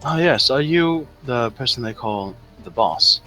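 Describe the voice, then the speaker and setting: A man's voice: mid-range voice, lively intonation, unhurried, bright, forceful tone, faint music behind, low-quality recording. A man playing a tabletop role-playing game, chatting casually and reacting to the story as a player.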